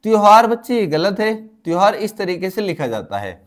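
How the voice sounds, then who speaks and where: A man's voice: sits high, big pitch swings, moderate pace. A male teacher giving an exam-prep spelling lesson, steadily explaining and calling his students "kids" again and again.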